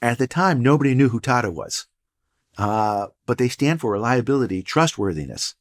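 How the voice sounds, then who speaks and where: A man's voice: mid-range voice, lively intonation, moderate pace. An older man, a guest entrepreneur and professor, telling stories in a casual interview with dry, punning humor. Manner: storytelling, wry and punning.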